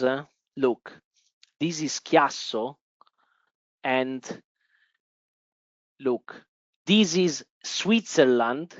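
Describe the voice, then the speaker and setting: A mid-range, fairly bright male voice with an Italian accent leads a live webinar on investing in stocks, speaking to viewers with plenty of fillers and restarts. The host, from Italy, works in an office in the Italian part of Switzerland; the sound is lo-fi without echo.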